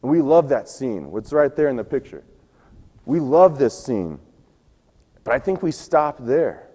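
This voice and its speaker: A man preaching a sermon, telling a scripture story and acting out its quoted lines, his voice going hoarse. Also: medium pitch, big pitch swings, measured pace, dark tone, big-room sound. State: losing his voice. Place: church sanctuary.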